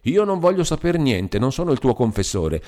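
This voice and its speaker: Man doing a timid sweet young woman, soft, hesitant, storybook voice. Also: medium pitch, big pitch swings, normal speed, voice pushed up, natural voice. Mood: gentle. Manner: soft, hesitant, gently reproving. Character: gentle shy young woman, mildly reproachful. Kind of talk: audiobook character voice.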